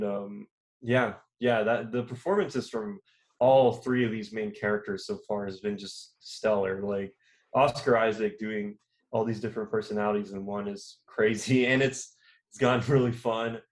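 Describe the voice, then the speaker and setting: A man co-hosting a podcast, talking casually in long rambling turns with many fillers and restarts. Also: fairly low pitch. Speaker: podcast co-host. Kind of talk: casual chat.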